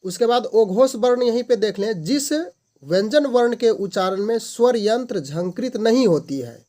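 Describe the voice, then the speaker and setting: A man's voice: high voice, animated, normal speed, mellow. A man teaching a grammar lesson as the host of his channel, stating each definition and then restating it in simpler words.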